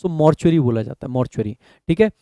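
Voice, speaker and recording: Male teacher, mellow dry voice. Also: animated, dry recording. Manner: explains in Hindi, reads English definitions slowly and louder; drops pitch and volume at the ends of phrases. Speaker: English teacher for exam prep. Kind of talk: Hindi-English online lesson.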